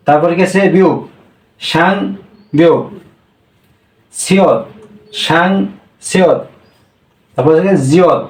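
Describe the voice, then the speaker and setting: A man teaching a language class, explaining slowly and repeating each point, often checking with a quick "yes?". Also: a little high, a little mellow. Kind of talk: classroom-style lesson. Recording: echoey room, voice from a distance.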